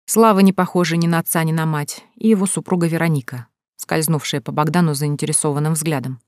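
A woman reading a novel aloud in a steady, even narrative style, recorded dry and close. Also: low-pitched, fast talker, no echo. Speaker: audiobook narrator.

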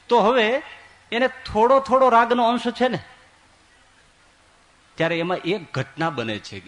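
A man giving a sermon as a swami, telling stories with voiced quotes and swinging from loud to soft. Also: high voice. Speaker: swami preacher.

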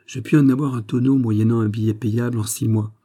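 A man's voice: mid-range voice, fairly even intonation, fairly quick, dark tone, lightly acted. A man voicing a pushy, scheming young brother who talks in an eager, wheedling way.

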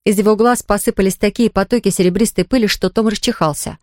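A woman narrating a children's storybook with even, expressive reading. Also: medium pitch, fast talker, no echo, clean studio sound.

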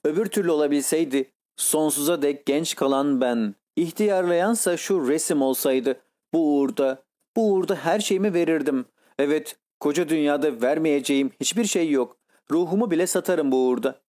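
A man's voice: fairly high pitch, moderate pace, mellow, natural voice. A man voicing a handsome, vain young man in an audiobook reading, speaking with a pleading, impassioned delivery. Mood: anguished.

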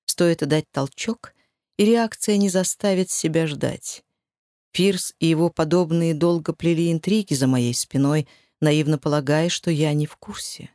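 Expressive woman narrating an audiobook. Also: sits low, unhurried, no echo, studio quality. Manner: expressive, emotional reading. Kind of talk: first-person audiobook narration.

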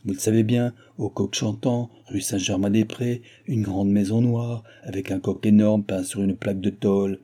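A man's voice: on the low side, fairly even intonation, moderate pace, few pauses, warm tone, husky. A man voicing a crafty, sardonic viscount eager to meddle. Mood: scheming. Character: crafty vengeful viscount brother.

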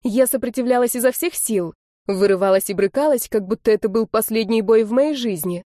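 A woman narrating a first-person audiobook in a lively, expressive storytelling manner. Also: a little high, a little fast, no echo, studio quality.

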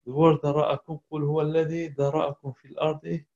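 A man's voice: on the high side, flat delivery, darkish tone. Man teaching verses in a dull lo-fi recording. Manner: recites verses then asks students word meanings; halting, non-native English with restarts. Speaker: Quran tafsir teacher. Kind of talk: teaching a class, mixing English and Arabic.

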